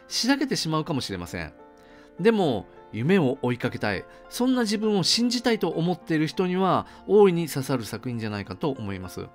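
Chatty man reviewing a film, lively pitch. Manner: chatty, conversational asides, frequent fillers. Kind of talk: casual solo film review.

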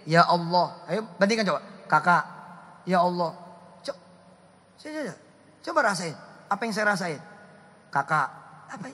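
A man preaching a lively sermon, swinging from loud bursts to hushed asides as he talks with his audience. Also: sits high, normal speed, long pauses. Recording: hall reverb.

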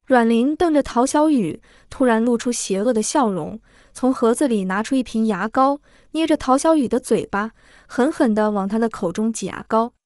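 Storyteller woman, steady scripted narration, slightly high voice, dry close sound. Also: moderate pace, no room sound.

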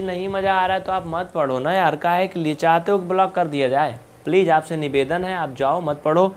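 A man teaching a live online maths class, brisk and coaxing, urging students to answer quickly and scolding them playfully. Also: sits high.

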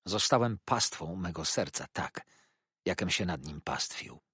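A man's voice: low voice, animated, unhurried, sharp tone, husky, no room sound, clean studio sound, heavily acted. A man voicing a despairing older father who laments his fall in a pleading, grief-stricken way. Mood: lamenting. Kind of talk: audiobook character voice.

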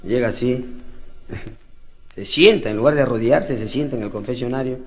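A man telling street jokes in lively, slangy stand-up style, swinging his voice up and down. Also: medium pitch, fairly quick. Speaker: comedian.

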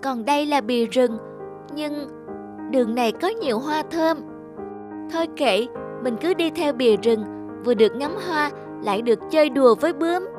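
A sweet, naive little girl acted by a woman in a fairy-tale cartoon. The voice is very high, polite and childlike, with music clearly playing underneath. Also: normal speed, pauses often, lightly acted. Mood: carefree. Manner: bright-eyed, polite, childlike.

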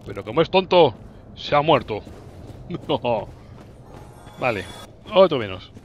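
A young man with a Spain Spanish accent talks through his gameplay in a lively, swooping voice that jumps up at every close call. He teases enemies, yelps and laughs as he plays, with a faint hiss of noise under the voice. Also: mid-range voice, slow, highs cut off. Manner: excitable, teasing enemies, frequent yelps and laughs. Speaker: gameplay commentator. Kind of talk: playful let's-play commentary.

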